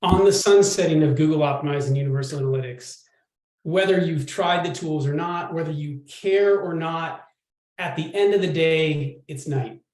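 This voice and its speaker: A man's voice: fairly high pitch, moderate pace, a little mellow. Dry, joking man co-hosting in a roomy space. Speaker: guest co-host. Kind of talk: casual live webinar co-hosting.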